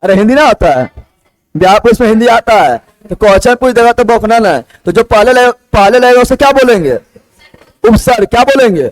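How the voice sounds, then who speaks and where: A man's voice: very high voice, lively intonation, a little fast, no room sound, rough recording. A man teaching a class, asking the same question again and again and answering it himself. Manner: drilling students with repeated questions. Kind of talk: classroom lecture.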